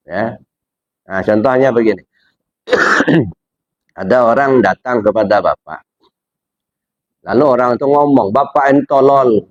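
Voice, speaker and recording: A man's voice: medium pitch, no room sound, lo-fi sound. A man from Indonesia giving informal religious teaching, talking directly to a listener with rhetorical questions and frequent "ya, dah.".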